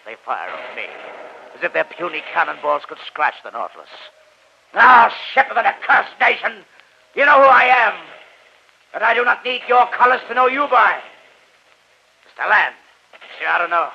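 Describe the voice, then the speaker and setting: A man playing a proud, vengeful submarine captain in an old radio drama, with a gravelly voice and an imperious, theatrical, formal manner. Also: sits high, sing-song, moderate pace, pauses often, pushed and bright, heavily acted. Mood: furious. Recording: dull old radio recording, faint noise.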